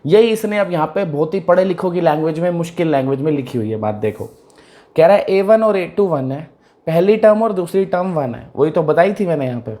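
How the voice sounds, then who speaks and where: Animated and fairly quick, a man with a slightly high, dark-toned voice delivers a conversational math lesson. He often asks students whether they follow, repeating questions to check understanding.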